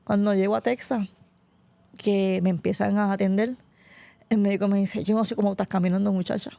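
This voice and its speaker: A woman's voice: mid-range voice, level tone, fairly quick, vocal fry, mellow, dry recording. A middle-aged woman pastor, giving a heartfelt, tearful testimony in an interview. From Puerto Rico. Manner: tearful, heartfelt storytelling, often addressing the host by name. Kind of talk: emotional personal testimony.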